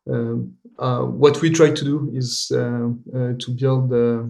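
A man chats as a podcast guest. His voice has a gravelly edge, and he often stops on fillers while he gathers his thoughts. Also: medium pitch, flat delivery, takes it slowly, darkish tone. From Switzerland. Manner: hesitant, many fillers, laughs easily. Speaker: guest, cloud company co-founder. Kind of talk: casual podcast conversation.

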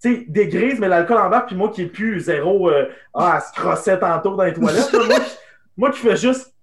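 A young man with a Québécois French accent telling an animated anecdote in casual chat, dropping to hushed tones for the punchlines. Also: high-pitched, brisk, roomy sound. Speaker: improv guest. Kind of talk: casual storytelling.

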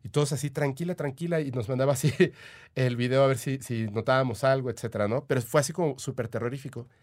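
A man's voice: medium pitch, steady tone, fast talker, darkish tone. Chatty Mexican man telling stories. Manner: chatty, eager, full of "o sea" and "este" fillers. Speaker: podcast guest, paranormal podcaster. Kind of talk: casual storytelling.

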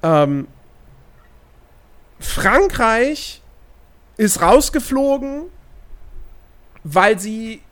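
A woman's voice: fairly high pitch, very animated, very slow, pauses often. A woman giving her opinions on football in casual podcast chat, repeating words as she searches for them.

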